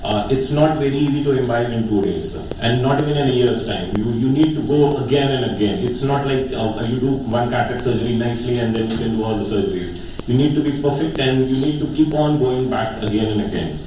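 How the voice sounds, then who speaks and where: In a very echoey hall, picked up by a distant mic with faint noise, an eye surgeon with a North Indian accent gives an informal, earnest testimonial speech. His mid-range voice has a dark tone and moves a little fast, and he speaks emphatically, often repeating phrases.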